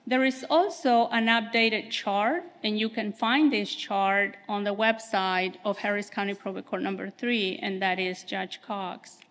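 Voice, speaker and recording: Speaking softly and carefully at a podium microphone, a female attorney delivers a formal conference presentation in an ordinary mid-range pitch. Her tone is steady and unhurried, with almost no pauses, and a long hall reverberation trails after her words.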